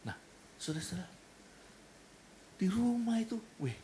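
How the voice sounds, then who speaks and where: Lively Indonesian pastor preaching. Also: male voice, high-pitched, normal speed, a little hiss or hum. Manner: animated, acts out quoted voices and jokes. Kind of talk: sermon. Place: church hall.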